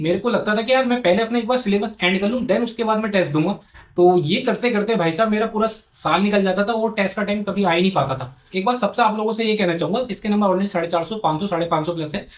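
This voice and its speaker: A young man from India giving exam-prep advice in a casual, earnest vlog, repeating his points and speaking straight to his viewers. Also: high-pitched. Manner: rapid, earnest, repetitive, addresses viewers as bhai sahab.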